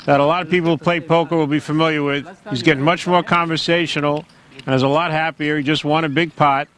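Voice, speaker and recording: A man's voice: fairly high pitch, steady tone, fast, a bit bright. A man calling a poker tournament in a wry, joking commentary style.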